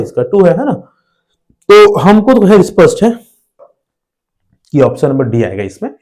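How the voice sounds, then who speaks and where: A man's voice: a little high, a little mellow. Indian man teaching with rhetorical questions. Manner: explains step by step with repeated rhetorical questions. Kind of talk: exam prep lesson.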